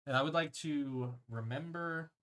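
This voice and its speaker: A man's voice: on the high side, moderate pace, fairly bright tone. A man playing a tabletop game with friends. He plans aloud, often restarting his sentences. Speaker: player. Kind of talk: casual tabletop game chat.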